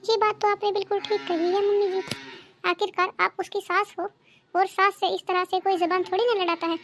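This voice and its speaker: A sly, sweet-talking cartoon daughter-in-law who stirs up trouble, voiced by a woman. Her voice is very high, with a faint hiss beneath. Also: level tone, a little fast, a bit bright. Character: scheming, gossiping younger daughter-in-law. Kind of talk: cartoon dubbing.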